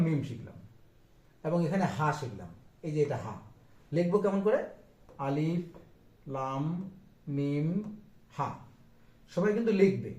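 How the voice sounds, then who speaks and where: A man's voice: fairly high pitch, a little mellow, echoey room. A man teaching Arabic letters step by step, patient, repeating each point and dropping in English phrases. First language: Bengali. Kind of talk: explaining Arabic letters on a board.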